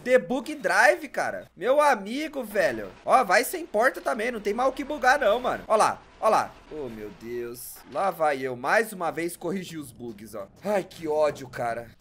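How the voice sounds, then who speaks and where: Brief: young Brazilian man, casual gameplay commentary, bright lively voice, loud exclamations and constant slang. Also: sits high, normal speed, hardly any pauses, slightly rough. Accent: Brazilian Portuguese. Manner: exasperated, complaining about bugs. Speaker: gamer.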